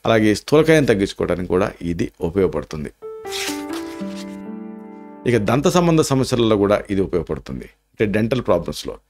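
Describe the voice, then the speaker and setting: Low-voiced Telugu man explaining remedies. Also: very animated, normal speed, pauses often, music in the background. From India. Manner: explanatory, slips in English terms, many restarts and "aa" fillers. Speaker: Ayurvedic doctor. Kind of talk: health advice talk to camera.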